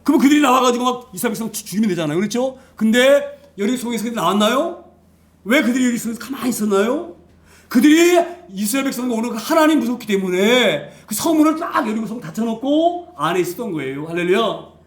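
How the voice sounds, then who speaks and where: A man preaching a sermon as pastor, animated and acting out the voices of the people he quotes. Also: very high-pitched, fast talker, echoey room.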